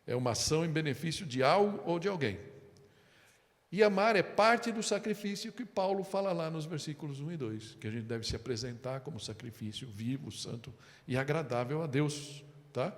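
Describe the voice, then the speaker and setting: A man's voice: on the high side, moderate pace. A man preaching a sermon with a Brazilian Portuguese accent, telling stories with acted-out quotes and often turning to the congregation with "amém?". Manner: animated storytelling with acted quotes and asides. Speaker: pastor. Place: church hall. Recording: long hall reverb.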